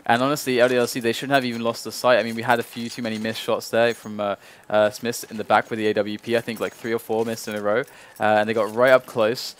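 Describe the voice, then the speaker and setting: A man's voice: mid-range voice, flat delivery, fast. A man working as an esports caster, giving analytical, explanatory live commentary on a shooter match.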